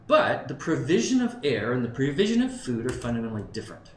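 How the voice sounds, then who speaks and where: A man's voice: medium pitch, very animated, fast. A man in his fifties from Southern California giving a conversational conference presentation to a live audience, often checking in with his listeners and thinking aloud. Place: conference room. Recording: roomy live talk recording with faint background noise.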